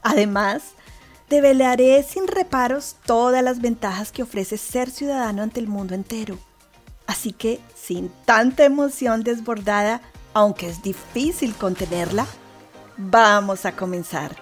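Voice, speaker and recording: A woman's voice: a little high, a little slow, soft background music. A woman hosting a podcast, talking to her listeners in an emphatic, dramatic way. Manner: warm, emphatic, dramatic delivery. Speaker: podcast host. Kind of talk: podcast monologue. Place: abroad in the United Kingdom.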